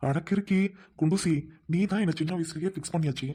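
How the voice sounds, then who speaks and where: A man with a Tamil accent, gruff and dismissive in a comic skit. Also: on the high side, quick pace, mellow. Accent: Tamil Nadu Tamil. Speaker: skit actor.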